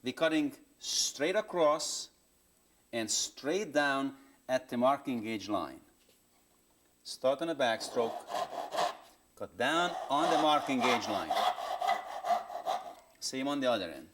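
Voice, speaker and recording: A man's voice: medium pitch, sing-song, takes it slowly, pauses often, noisy background. A man patiently demonstrating woodworking step by step, speaking plain English with non-native phrasing, heard from a worn videotape copy. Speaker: woodworking instructor.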